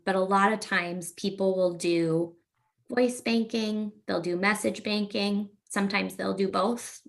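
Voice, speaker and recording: A woman speech-language pathologist giving a webinar presentation, explaining in a relaxed way with frequent fillers. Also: fairly low pitch, vocal fry.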